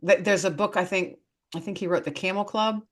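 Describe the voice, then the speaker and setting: A woman's voice: medium pitch, steady tone, brisk. A woman with an American accent, chatting casually as a conversation host. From northern United States. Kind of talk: casual chat.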